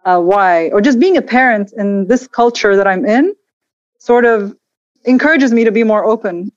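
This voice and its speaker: A woman raised in Kuwait, an educator who is a guest on an interview podcast, telling her story quickly with restarts and repeated words. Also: on the high side, darkish tone, no room sound, lo-fi sound. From Egypt, raised in Kuwait. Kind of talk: candid interview conversation.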